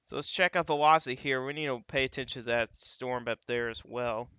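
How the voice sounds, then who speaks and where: A man's voice: medium pitch, fairly quick, sharp tone, clean tone, dry recording, lo-fi sound. Casual man commenting live on radar. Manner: casual, thinking aloud, frequent "uh" and "you got". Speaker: livestream weather host.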